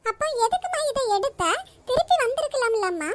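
A woman's voice: very high voice, sing-song, fairly quick. A woman voicing a doting old grandmother in a cartoon, fond and teasing, chuckling as she talks. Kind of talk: cartoon voice acting.

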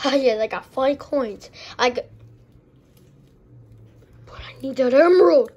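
A hot-headed male echidna plush, played by a woman in a homemade toy adventure. The voice sits high and breaks into dramatic shouts and wails. Boastful and quick to get upset. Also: slightly rough, exaggerated voice. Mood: excited.

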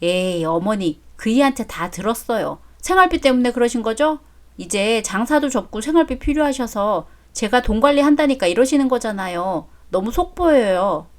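A woman voicing a polite young daughter-in-law who speaks softly and respectfully in a story drama. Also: fairly high pitch, expressive, normal speed, lightly acted. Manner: polite, soft-spoken. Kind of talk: story drama read aloud.

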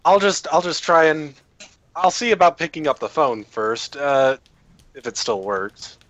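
A man's voice: a little high, unhurried, fairly bright tone, no echo. Guy in an online game session, casual n hesitant, dull dry mic sound. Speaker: tabletop game player.

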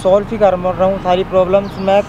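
Young man, anxious and pleading, mid-pitched voice, dull lo-fi sound, loud street noise. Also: completely flat delivery, fast. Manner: pleading, anxious, repeats his sister's name. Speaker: brother in a staged street scene. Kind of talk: scripted street drama.

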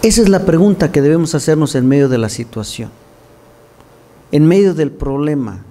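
A man's voice: a little high, animated, normal speed, warm tone. A male pastor preaching a sermon in a church, earnest and direct, often calling listeners "my brother" and adding wry asides.

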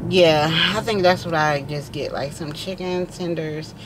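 A woman's voice: low voice, fairly even intonation, a little slow. A woman, chatting casually and rambling to viewers while she drives. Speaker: delivery driver vlogger. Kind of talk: casual chat while driving. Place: inside a car, driving. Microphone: dashboard camera mic. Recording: loud road noise in a moving car. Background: car and road noise.

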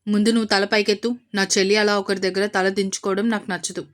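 A man's voice: high-pitched, flat delivery, quick pace, fairly bright tone. A woman voicing a hot-tempered, protective young man who scolds his friend and sister. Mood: stern. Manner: scolding, stern.

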